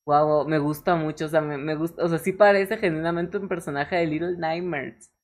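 A young woman with a Mexican accent, casually reacting to fan art on a stream, excitable and swearing freely with frequent laughs. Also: sits low, normal speed. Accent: Mexican Spanish.

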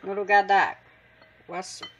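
A woman with a Brazilian Portuguese accent runs a home cooking tutorial in her kitchen, chatting with viewers as she works and calling them "gente." Her medium-pitched voice is a little fast with little pitch movement, and the background is noisy.

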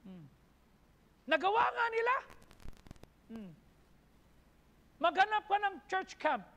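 A man's voice: very high-pitched, huge pitch swings, takes it slowly, fairly bright tone, highs cut off. A man with a Filipino accent preaching a sermon as pastor, building emphatic lists. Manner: preaching in mixed Tagalog and English, rising emphatic lists. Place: church hall. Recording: long hall reverb in a church.

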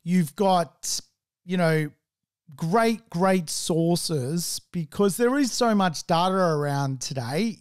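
A man's voice: fairly high pitch, smooth, dry recording, clean studio sound. A man hosting a solo podcast, talking in a chatty, informal way with joking asides. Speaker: property investing podcast host.

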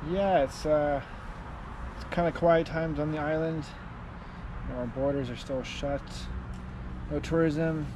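A man in his thirties chatting casually in an outdoor vlog, relaxed and rambling with lots of fillers, filmed at arm's length in a backyard. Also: a little high, a little slow, long pauses. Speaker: vlogger, hotel worker. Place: backyard patio outdoors, roosters crowing. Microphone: camera at arm's length. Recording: outdoor recording with loud rooster noise.

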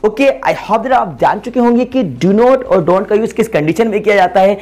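High-voiced man teaching English in Hindi. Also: expressive, normal speed, a little mellow. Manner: repetitive, stressing examples. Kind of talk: explanatory Hindi lesson.

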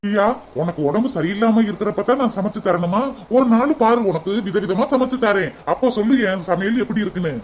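A man's voice: high voice, a little fast, few pauses, slight background noise, close to an everyday voice. A man voicing a doting young cartoon husband who is affectionate and teasing, with a Tirunelveli Tamil accent. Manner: affectionate, reassuring.

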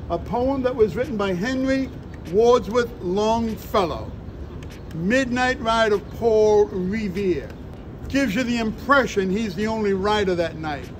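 A man in his sixties projecting like a town crier as a theatrical historical tour guide, in short emphatic phrases with dramatic pauses. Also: high voice. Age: 60s. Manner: declamatory town crier delivery, projecting to a group. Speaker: costumed Freedom Trail tour guide. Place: outdoors in parks and streets among a tour group. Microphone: handheld phone a few steps away. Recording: phone recording with outdoor city noise.

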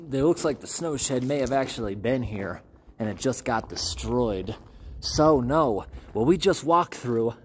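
A man gives easygoing running commentary while walking through old tunnels, his voice at a middle pitch. A faint hiss of noise sits under the camera-mic sound. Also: darkish tone. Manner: casual, chatty narration while exploring. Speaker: urban explorer vlogger. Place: abandoned railroad tunnels and snow sheds, on foot.

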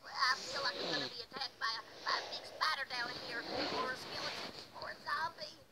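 A woman voicing a jumpy young female cartoon contestant with an animated, nervous manner. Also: sits high, fast, natural voice. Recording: noisy played-back video audio.

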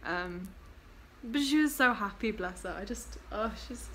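With an expressive, mid-range voice and a sharp tone, a young woman from England chats to her webcam at a measured pace. She's a vlogger in a small bedroom, recording on a laptop webcam at her desk with slight background noise, and she giggles and trails off into fillers as she talks.

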